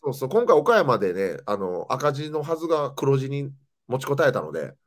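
A man's voice: medium pitch, brisk. A young man, a comedian chatting as host and telling stories with lots of animation. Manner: animated storytelling, voice jumping up and down. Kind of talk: casual chat.

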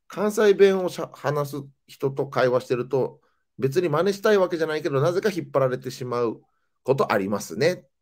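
A man's voice: on the high side, brisk. A young man, a comedian chatting as host and telling stories with lots of animation. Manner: animated storytelling, voice jumping up and down. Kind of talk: casual chat.

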